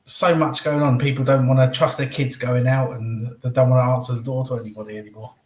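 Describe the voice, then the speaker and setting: A man's voice: mid-range voice, little pitch movement, quick pace, echoey room. A man, a guest on a live stream, chatting in an easygoing way and laughing often. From England. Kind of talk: casual live-stream chat.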